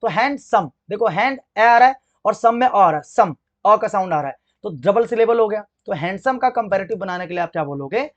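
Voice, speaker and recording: A man teaching English grammar for exam preparation, speaking Hindi with an accent from it, asking his class questions and answering them himself while he spells words out slowly. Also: high voice, animated, dull audio. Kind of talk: exam-prep grammar lesson.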